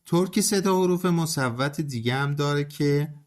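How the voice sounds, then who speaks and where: A man giving a spoken language lesson, slowly drawing out single sounds and words as examples. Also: on the high side. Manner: slow, drawn-out pronunciation of single sounds and words. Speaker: language teacher.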